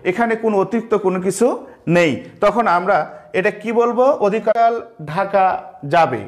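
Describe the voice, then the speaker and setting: A man with a Bangladeshi Bengali accent teaches an online grammar class in a fairly high voice. He goes slowly, repeating each key term and posing questions he then answers himself. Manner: slow, repeats key terms, asks and answers his own questions.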